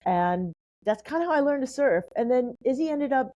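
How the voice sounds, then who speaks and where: This high, animated woman's voice moves at a normal speed with a darkish tone and no room sound. She's a podcast guest from San Diego, California, telling long personal stories in a chatty, rambling way and leaning heavily on "like."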